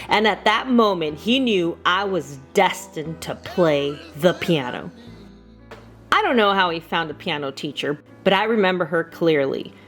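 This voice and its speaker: A low-voiced woman from Southern California in the United States hosts a personal scripted story told over background music. She's theatrical yet conversational, using dramatic pauses and asides in Spanish.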